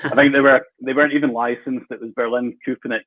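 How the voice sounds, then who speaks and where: A man from Scotland with a Glasgow accent guests on a podcast as a football fan, speaking fast in a medium-pitched, slightly bright voice with fairly even intonation. He is easygoing, with frequent filler words and light laughs. The audio sounds tinny, like a phone call.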